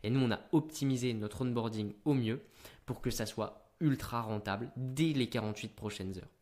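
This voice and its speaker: Energetic teen lecturing on business. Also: male voice, mid-range voice, normal speed. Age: teens. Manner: energetic, punchy, talks straight to the viewer. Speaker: young entrepreneur giving business advice. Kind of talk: direct-to-camera business advice vlog.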